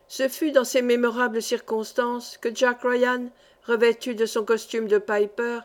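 A woman narrating a literary audiobook in a measured, expressive way, lifting her voice for cries in the story. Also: a little high. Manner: measured, expressive reading that rises for shouted lines. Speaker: audiobook reader.

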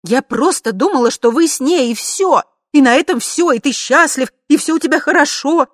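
A woman voicing an agitated widow who rambles and shouts in a storybook. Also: mid-range voice, big pitch swings, a little fast, no room sound, studio quality, pitched above the performer's own voice. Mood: rambling. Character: frantic wife and widow, middle-aged woman.

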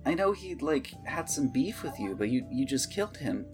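A man voicing a weary adult woman who calmly questions an old friend. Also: mid-range voice, normal speed, faint music behind, voice pushed up, close to an everyday voice. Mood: reproachful.

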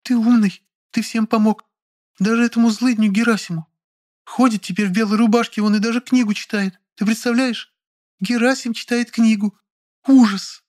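Male reader as a shrill, self-pitying drama queen in an audiobook, very high and whiny. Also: fairly even intonation, moderate pace, darkish tone, close to an everyday voice. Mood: demanding. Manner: shrill, melodramatic, whiny pleading. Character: theatrical manipulative woman, self-pitying and demanding. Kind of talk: audiobook character voice.

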